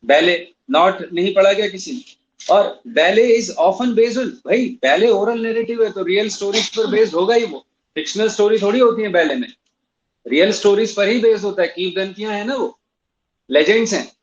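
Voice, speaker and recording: A man's voice: high-pitched, moderate pace, dull audio. A man teaching English literature in a classroom, going through exam questions in a mix of Hindi and English, spelling out words and repeating key points. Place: classroom with students, also streamed online.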